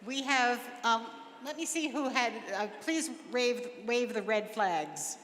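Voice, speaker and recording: A woman's voice: fairly high pitch, slow, a bit bright. A woman, moderating a spelling bee with playful asides to the teams and the audience. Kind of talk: live event moderation. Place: large event hall with an audience. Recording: reverberant hall, faint crowd.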